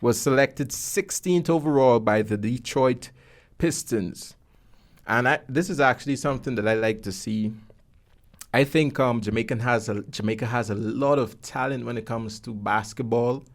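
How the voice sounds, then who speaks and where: This young Guyanese podcast host speaks in a mid-range voice at normal speed, with a Caribbean accent. He presents and interviews casually, joking in slang, close on a boom-arm studio mic.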